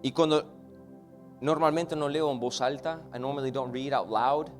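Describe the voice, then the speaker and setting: Man preaching a bilingual sermon, over music. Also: mid-range voice. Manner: preaching loudly in the opening, then quiet and halting as he tells a personal story; hesitant, repeats words as he searches for them. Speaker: pastor. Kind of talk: bilingual sermon, repeating each line in English and Spanish.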